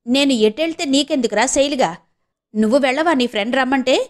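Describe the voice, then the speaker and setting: A woman's voice: sits high, fast, pitched above the performer's own voice, natural voice. A woman doing a fiery defiant young girl. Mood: furious. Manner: shouting, defiant. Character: fiery stubborn teenage girl.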